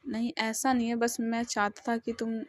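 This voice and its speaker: A woman doing a gentle, soothing man. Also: fairly high pitch, flat delivery, moderate pace, dry recording, clean studio sound, close to an everyday voice.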